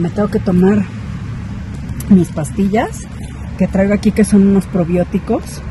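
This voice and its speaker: Lady vlogger ranting to her followers, chatty, noisy background. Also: mid-range voice. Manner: chatty, indignant, talks straight to viewers. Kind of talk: casual storytelling vlog. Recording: clear background noise.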